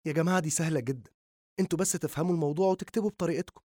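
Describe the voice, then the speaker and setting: A man's voice: on the high side, very fast, mellow, dry recording, studio quality, voice pushed up, close to an everyday voice. A man voicing a shy, caring Egyptian teenage girl. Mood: sincere. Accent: Egyptian Arabic. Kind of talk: audiobook reading.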